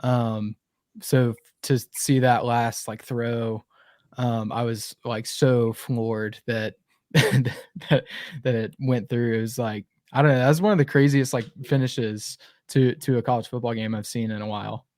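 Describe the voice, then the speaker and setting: A young man hosting a casual podcast, talking in a relaxed way with lots of fillers. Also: mid-range voice, unhurried, no room sound, studio quality. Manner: relaxed, filler-heavy, friendly. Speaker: podcast host.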